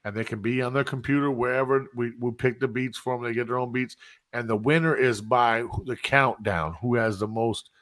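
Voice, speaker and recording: A man hosting a podcast in casual chat, lively, often cutting in and repeating himself. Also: mid-range voice, fairly quick, no echo, studio quality. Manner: animated, interrupts and repeats himself. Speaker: podcast host. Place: live stream studio.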